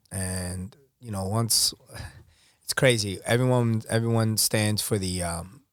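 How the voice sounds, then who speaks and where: A man talks openly as a podcast guest, pausing and restarting often, his words sometimes fading quieter. His voice is on the low side. The recording is dry and close. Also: no room sound. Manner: candid, halting, many fillers, trailing softer. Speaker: podcast guest, basketball referee. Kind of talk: casual podcast conversation.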